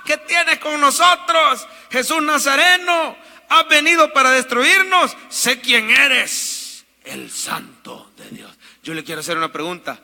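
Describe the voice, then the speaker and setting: Pastor preaching loud, high bright voice, long echo in the church. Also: male voice. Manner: emphatic, calls for amens from the congregation. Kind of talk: sermon.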